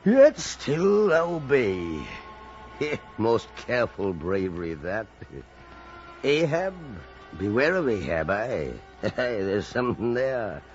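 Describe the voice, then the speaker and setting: An actor playing a brooding, tyrannical old whaling captain with grand, archaic declamation in an old-time radio drama. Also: male voice, mid-range voice, very animated, slow. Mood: musing, obsessed. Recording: dull vintage radio recording, music behind.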